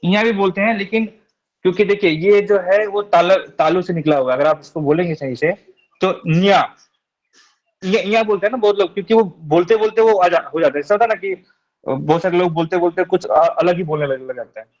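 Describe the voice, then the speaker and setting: Young man, online teacher, reassuring and patient, repeats sounds slowly, raised pitch, lo-fi muffled audio. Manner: reassuring, repeats syllables slowly, often asks "theek hai?". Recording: dull lo-fi online class audio.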